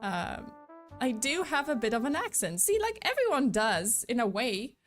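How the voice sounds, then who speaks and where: With a slightly high, sing-song voice at normal speed, this young woman rambles casually in a live-stream chat, leaning heavily on fillers. She's a non-native English speaker with a slight mixed accent, and faint music plays behind her.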